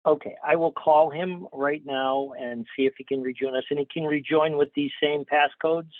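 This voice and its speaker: An older man and business owner speaking on a video call, hesitant and apologetic, with halting restarts. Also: fairly high pitch, fairly even intonation, no echo. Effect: on a video call, phone-like sound. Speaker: business owner at a licensing hearing. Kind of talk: remote testimony at a public hearing. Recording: dry, tinny video call audio.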